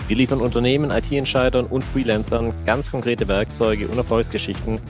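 A man's voice: mid-range voice, steady tone, fairly quick. A man reading a scripted podcast intro in an upbeat announcing manner. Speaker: podcast host. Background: guitar music.

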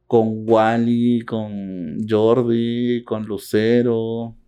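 Hombre peruano conversando con calma. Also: male voice, mid-range voice, drawn-out words, smooth. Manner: reflective, teasing, with many fillers. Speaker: podcast co-host. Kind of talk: casual conversation.

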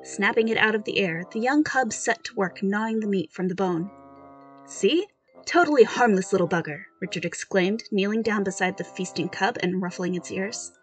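A woman's voice: mid-range voice, a little fast, few pauses, fairly bright tone, soft background music. A woman narrating a story she wrote, casual and self-deprecating in her asides. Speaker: storyteller and author.

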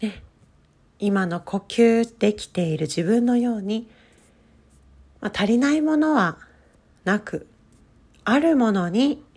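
A woman coach leading a guided breathing meditation in a soothing, gentle manner with drawn-out instructions. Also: fairly high pitch, animated, husky.

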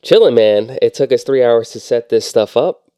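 A man's voice: medium pitch, animated, normal speed, warm tone, smooth, no room sound, clean studio sound. A man in his thirties co-hosting a podcast in casual chat, laid-back and dryly self-mocking. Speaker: podcast co-host.

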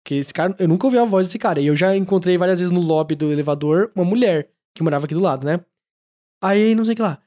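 A man telling stories in casual podcast chat, animated and swearing, acting out other people's lines. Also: high-pitched, quick pace. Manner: animated storytelling, acts out voices, swears.

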